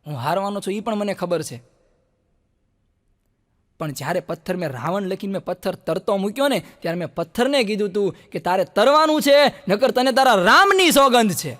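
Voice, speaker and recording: Kathiyawadi comic doing a calm, resigned demon king in a stage joke, high voice, hall reverb. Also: fairly quick. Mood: solemn. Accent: Kathiyawadi Gujarati.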